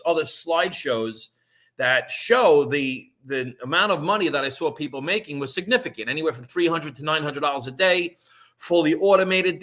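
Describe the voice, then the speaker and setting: A fifties-aged man with a bright, forceful tone sells an online business over a live stream in a casual way. He wanders through his points, restarting frequently and asking "right?" again and again.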